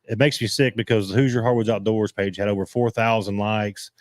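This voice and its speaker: A man hosting a casual live-stream chat, rambling and halting as he restarts his sentences. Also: on the low side, fairly even intonation, no room sound, clean studio sound. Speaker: host.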